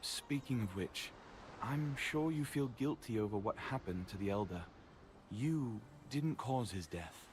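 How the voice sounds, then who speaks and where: Metallic-sounding rock guardian. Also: male voice, fairly low pitch, expressive, background noise. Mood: solemn concern. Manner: earnest, measured, solemn advice. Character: grave male rock-bodied island guardian. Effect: metallic, robotic-sounding voice. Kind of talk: game character dialogue.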